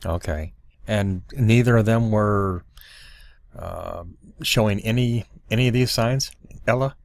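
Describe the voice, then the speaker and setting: A man interviewing guests, asking measured and gently probing questions. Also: fairly low pitch, vocal fry, dry recording.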